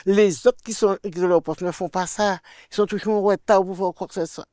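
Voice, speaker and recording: A woman's voice: medium pitch, a little fast, no echo, clean studio sound. Older Martinican woman telling her testimony. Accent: Martinican French. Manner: animated, acts out quoted dialogue with swings in loudness. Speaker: guest sharing a faith testimony. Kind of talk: personal testimony storytelling.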